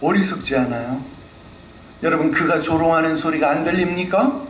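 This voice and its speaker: A man's voice: on the high side, normal speed. A male pastor preaching a sermon, who keeps turning to the congregation with questions and acts out the figures he quotes. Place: church sanctuary. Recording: roomy hall with faint room noise.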